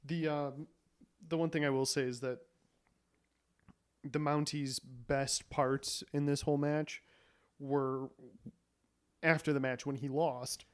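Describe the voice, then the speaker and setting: A man's voice: a little high, flat delivery, slow, long pauses, clear, resonant tone. Casual male podcast co-host. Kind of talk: casual chat.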